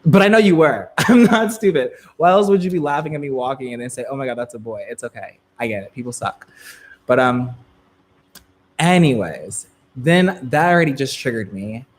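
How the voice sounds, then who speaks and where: A man in his twenties telling a story to a live chat in a casual, filler-heavy way. He laughs often and swings between loud and soft. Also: medium pitch, lively intonation, normal speed. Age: 20s.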